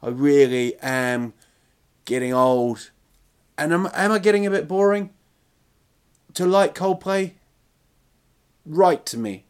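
A man's voice: a little high, slow, long pauses, smooth. A man in his forties hosting a solo podcast in a casual, meandering way, hesitant, self-deprecating and prone to swearing. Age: 40s. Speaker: podcast host and touring comedian.

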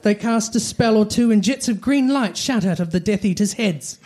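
Here a man narrates comic fan fiction dramatically, as though reading a storybook, at a moderate pace. His voice is high and a little mellow, with faint noise and clicks in the background.

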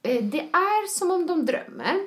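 A woman co-hosting a podcast in casual chat, relaxed and chatty, acting out quotes now and then. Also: very high voice, a loud crowd. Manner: relaxed chatty, fillers like typ and liksom, acts out quotes. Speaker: podcast co-host.

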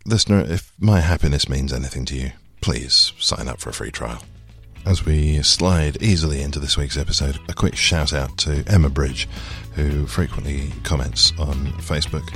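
Very deep-voiced man hosting. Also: normal speed, few pauses, soft background music. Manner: dry, self-mocking, whispered asides. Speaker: podcast host. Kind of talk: podcast monologue.

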